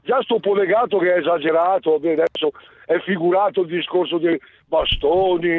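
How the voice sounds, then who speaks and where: A man's voice: sits high, fairly quick, a little hiss or hum. A man from northern Italy, a truck driver calling into a radio show, rambling and insistent as he talks over the hosts. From Lombardy, northern Italy. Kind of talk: phone-in caller. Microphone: telephone. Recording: dry tinny phone line.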